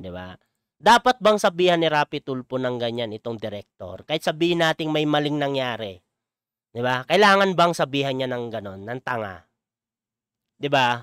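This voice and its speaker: Male vlogger reacting to clips, smooth clean voice, dry close sound, exclaims a lot. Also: mid-range voice, fairly bright tone, no room sound. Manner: exclaiming, chuckling, repeats clip lines back. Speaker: YouTuber host. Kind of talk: reaction commentary on a video clip.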